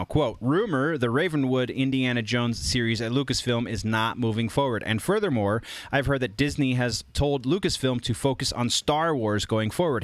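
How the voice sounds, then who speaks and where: A man's voice: mid-range voice, fairly bright tone, dry recording. A man hosting a casual pop culture news livestream, rambling, correcting himself and chuckling as he reads headlines. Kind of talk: casual live news commentary.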